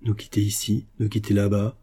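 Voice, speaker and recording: A man reading the part of a grave, gentle aging nobleman speaking tenderly to his son, in a husky, dark voice. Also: fairly low pitch, completely flat delivery, fairly quick.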